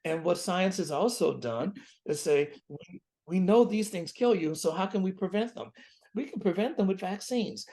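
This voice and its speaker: A man in his seventies, a physician appearing as an interview guest, talks with a high, mellow voice at a moderate pace. He speaks earnestly and repeats key phrases to stress them.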